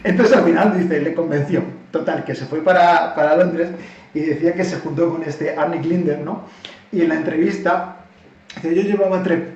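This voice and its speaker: Lively Spanish host, slightly high voice, echoey and far from the mic. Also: male voice, dull audio. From Spain. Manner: animated, acts out quoted lines with laughter. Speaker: YouTube language-learning host. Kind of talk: casual retelling and explanation.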